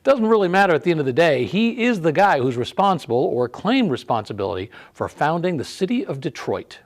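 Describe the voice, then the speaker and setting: Guy hosting a car museum video, super animated, chatty, just talking casually. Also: fairly high pitch, fairly quick. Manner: lively, conversational, chatty. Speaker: host. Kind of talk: casual presenting.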